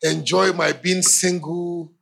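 A man's voice: high-pitched, level tone, slow, vocal fry, a bit bright. A middle-aged Nigerian man preaching a humorous sermon, laughing often and acting out voices in his stories. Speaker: pastor.

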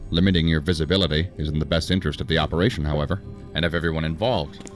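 Very deep-voiced senior agency official. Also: male voice, racing, faint music behind. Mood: measured, firm. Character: male senior assistant director of a federal agency, dry, authoritative. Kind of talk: science fiction audio drama acting.

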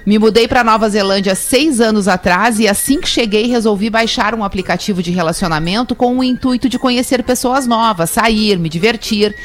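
A woman co-hosting a radio talk show, chatting casually and reading a listener's email aloud in a clear, measured way. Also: medium pitch, faint music behind.

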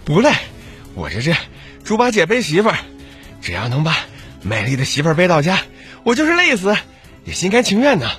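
A man's voice: fairly high pitch, huge pitch swings, moderate pace, pauses often, fairly bright tone, soft background music. A man voicing a young man in a storybook drama who courts a woman, is poisoned and pleads in a strained, panting voice. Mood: doting. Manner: pleading, breaking into cries.

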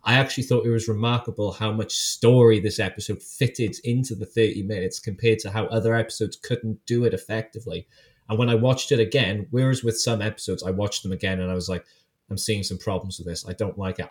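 A man co-hosting a podcast in casual review chat, emphatic and gushing in his praise. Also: lowish voice. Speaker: podcast co-host.

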